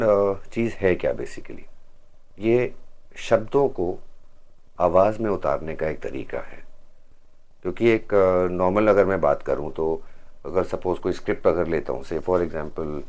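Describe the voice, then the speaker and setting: A man's voice: sits low, a little mellow. A man teaching voice-over technique in a vlog, slipping English phrases into his talk and demonstrating lines with added emphasis. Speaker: voice-over coach.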